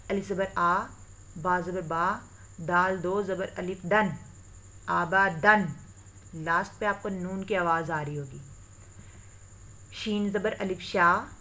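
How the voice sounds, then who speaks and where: A woman teacher with a Pakistani Urdu accent gives a recorded online lesson, speaking straight to her students. She spells out letters and vowel sounds one by one at a slow, patient pace, in a voice of middling pitch. A faint noise sits under the recording. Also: fairly bright tone. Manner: addresses students directly, patient explanatory tone. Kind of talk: recorded online lesson explaining Arabic reading.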